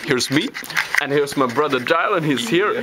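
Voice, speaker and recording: A man's voice: on the high side, animated, normal speed, very noisy. Rambling, playful man chatting casually. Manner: rambling and playful, full of hesitations. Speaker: video host. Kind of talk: casual home video chat.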